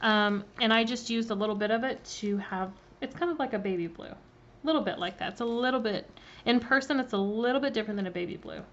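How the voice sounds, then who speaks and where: Quick-paced and a little high-voiced, a woman decorates cookies live on stream while chatting, calling out viewers by name amid plenty of ums. The laptop-mic recording is slightly muffled, with faint background noise.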